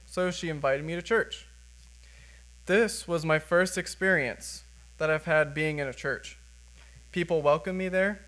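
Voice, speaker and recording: Young american guy preaching his testimony, kinda high voice, plain and earnest. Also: fairly bright tone. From United States. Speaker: first-time preacher. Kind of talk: sermon with personal testimony.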